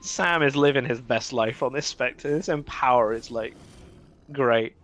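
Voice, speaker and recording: A man casting a live esports match, chatty and wry with quick reactions. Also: mid-range voice, a bit bright. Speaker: esports caster. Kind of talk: live game commentary.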